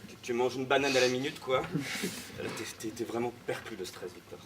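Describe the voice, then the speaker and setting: Young man, hushed mock-solemn oratory. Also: mid-range voice, normal speed. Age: young adult. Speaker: student debater. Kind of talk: comic oratory speech. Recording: noisy room, mic far off.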